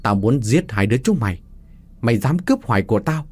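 A man voicing a jealous, cruel young woman who taunts her captives with snarling, shrill outbursts. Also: very animated, fast, darkish tone, breathy edge. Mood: menacing.

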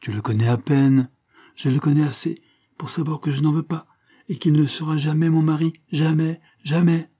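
A frightened nineteen-year-old daughter, voiced by a male audiobook reader, pleading and then flatly refusing. Her voice sits a little higher than a man's usual register, with a soft husky edge and a mellow, dark tone. The delivery is imploring and earnest. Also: moderate pace. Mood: defiant. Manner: imploring, rising to emphatic refusals. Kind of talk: audiobook character reading.

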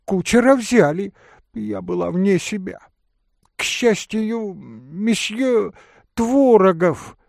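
A man's voice: high voice, expressive, takes it slowly, creaky, darkish tone, dry recording, studio quality, voice pushed up, heavily acted. A man reading a novel aloud, voicing a flighty, breathless lady who chatters and gushes. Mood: gushing. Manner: chirping, breathless, gushing. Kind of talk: audiobook character reading.

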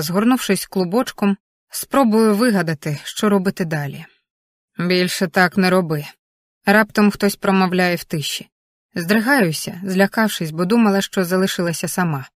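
A woman reads a first-person thriller aloud, tense and vivid, with her pitch sitting in an ordinary middle range. The sound is dry and close, with no room echo. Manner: tense, vivid present-tense narration. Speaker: audiobook narrator. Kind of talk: first-person dramatic story reading.

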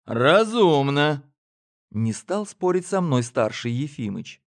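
A man's voice: mid-range voice, expressive, normal speed, darkish tone. A man reading a first-person story aloud as an audiobook narrator.

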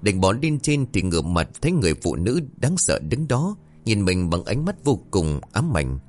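Deep-voiced man narrating a horror story. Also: very animated, normal speed, darkish tone. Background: faint music.

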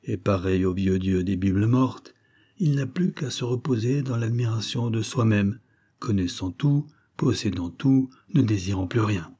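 A man narrating a literary story in a measured reading voice. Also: on the low side, dark tone, breathy edge. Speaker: audiobook reader.

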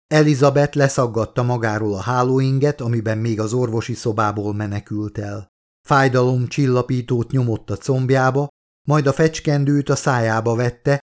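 Narrating his own novel as an audiobook, a man reads aloud in a voice of middling pitch. He tells the story in a steady, measured way.

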